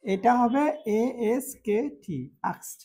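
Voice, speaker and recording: A woman with a Bangladeshi accent teaching English pronunciation, explaining slowly, repeating each word and asking if it is clear. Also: fairly high pitch, mellow. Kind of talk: spoken English lesson.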